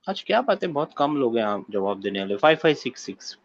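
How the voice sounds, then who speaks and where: A man's voice: medium pitch, big pitch swings, no room sound, muffled recording. A man teaching a grammar class online, patiently quizzing his students and repeating key points. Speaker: Arabic teacher.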